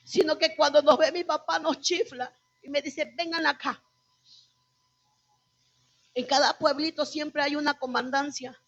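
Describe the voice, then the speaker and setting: Woman pastor, high voice, emotional testimony, muffled lo-fi sound. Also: steady tone, moderate pace, a bit bright. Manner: emotional, addresses the congregation as brothers. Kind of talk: testimony sermon. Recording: dull lo-fi church recording.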